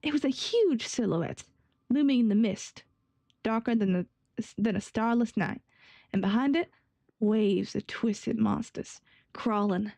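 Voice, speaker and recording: A woman's voice: fairly high pitch, unhurried, gravelly, dark tone, dry recording. Woman doing nervous young Southern lantern-keeper boy. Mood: earnest. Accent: Southern US put on. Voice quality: reading aloud with stumbles.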